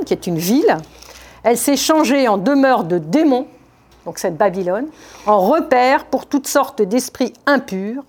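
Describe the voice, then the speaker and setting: Halting woman teaching a Bible passage. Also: on the high side, a little mellow. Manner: spontaneous and halting, many fillers and restarts, slows down to read quoted verses. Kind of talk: Bible study talk, reading and explaining scripture.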